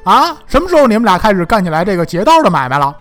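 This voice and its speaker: A proud, fierce young noblewoman who lashes out with sharp, imperious scolding, played by a man telling the story. The voice sits high and swoops widely, spoken over faint music. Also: very animated, racing.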